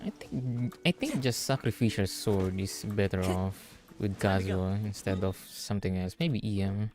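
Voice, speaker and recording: This Filipino-accented streamer from the Philippines has a lowish, slightly mellow voice and talks at a normal speed. He thinks out loud in casual livestream game commentary with video game music in the background.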